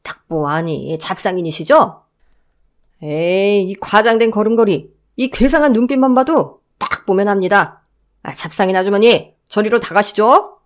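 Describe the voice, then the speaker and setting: A woman's voice: medium pitch, big pitch swings, normal speed, lightly acted. A woman voicing a blunt male security guard who mocks and drawls. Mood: suspicious.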